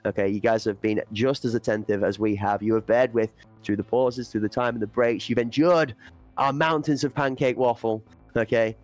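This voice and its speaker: A man's voice: mid-range voice, fairly even intonation, moderate pace, darkish tone, faint music behind. A man commentating an esports playoff, breaking down play and building hype for the chat. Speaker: esports caster.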